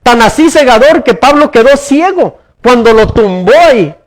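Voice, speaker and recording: A man's voice: extremely high pitch, expressive, moderate pace. A male pastor preaching a sermon in a church, asking the congregation questions and repeating words as he goes.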